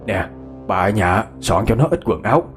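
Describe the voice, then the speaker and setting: A man voicing a calm older father-in-law, giving quick orders. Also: fairly low pitch, faint music behind, natural voice. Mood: urgent. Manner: quick, commanding.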